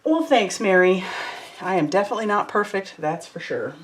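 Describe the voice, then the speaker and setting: A woman's voice: on the low side, fairly quick. A woman hosting a crafting livestream, chatting casually and reading out viewer comments as she works. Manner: chatty, reads out viewer comments, warm and effusive. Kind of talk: casual live chat while crafting.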